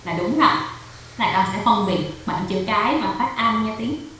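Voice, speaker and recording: A woman tutor with a Vietnamese accent teaches a child English on a video call, repeating words and explaining each point patiently. Her voice sits mid-pitch. The call sounds very echoey, with faint hiss behind. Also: expressive, normal speed, sharp tone. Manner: patient, repeats and explains step by step, code-switches with English drills. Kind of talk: online English lesson for a child. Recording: echoey room, faint noise.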